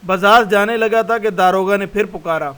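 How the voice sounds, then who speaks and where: A man's voice: high-pitched, fairly bright tone, clean tone, low-quality recording. A man, a college lecturer, reading a passage aloud in a recorded class and explaining it word by word.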